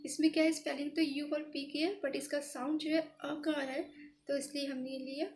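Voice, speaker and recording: High-voiced woman teaching patiently. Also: flat delivery, darkish tone, slight background noise. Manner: patient, repeats each step slowly. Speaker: shorthand teacher. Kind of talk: step-by-step tutorial explanation.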